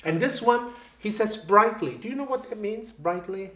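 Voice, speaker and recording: A man's voice: high voice, expressive, moderate pace, a bit bright. A man teaching a one-on-one piano lesson, patient, checking in with "okay?" and counting beats aloud. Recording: roomy echo with faint piano.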